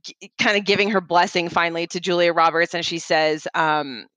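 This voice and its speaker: A woman chatting casually about movies in a group, enthusiastic and quick to agree. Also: on the low side, level tone, a bit bright, no room sound.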